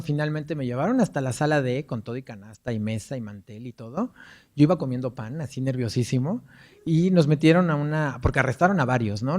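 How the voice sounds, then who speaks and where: A man's voice: a little high, a little mellow. A man with a Mexican accent giving a lecture, telling anecdotes in a chatty way with frequent tag questions. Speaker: guest lecturer, performance artist.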